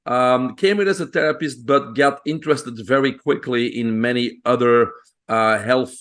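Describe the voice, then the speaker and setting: A man in his fifties from Belgium with a Belgian accent, a guest on an interview podcast, telling his life story in a relaxed way with frequent pauses. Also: mid-range voice, clean tone. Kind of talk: conversational interview.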